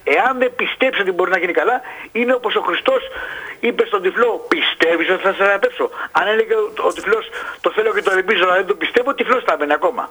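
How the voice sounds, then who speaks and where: A man, calling in to a radio show and retelling a story in an excited, rambling way with stammered restarts. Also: sits high, rough recording. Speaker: caller. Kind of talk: phone-in chat, retelling a story.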